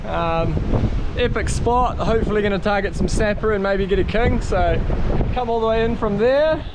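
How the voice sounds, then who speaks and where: High-voiced Kiwi man, broad accent, outdoors. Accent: broad New Zealand. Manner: slangy, excitable, matey. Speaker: fishing show host. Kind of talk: casual on-location fishing vlog. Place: outdoors on a rocky coastal ledge. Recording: noisy outdoors with sea and surf. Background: waves and surf.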